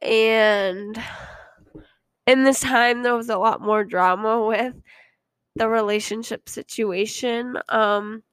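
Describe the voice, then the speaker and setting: Young woman, smooth clear voice, unhurried, rambling personal podcast talk, dry close sound. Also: a little high, fairly even intonation, a bit bright, no room sound. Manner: rambling, hesitant with frequent ums; earnest and confiding. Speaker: podcast host. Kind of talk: casual personal storytelling.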